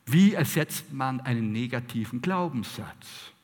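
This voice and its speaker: A man's voice: medium pitch, animated, a little slow, darkish tone, long reverb tail. A man preaching a sermon, emphatic, repeating phrases and asking rhetorical questions.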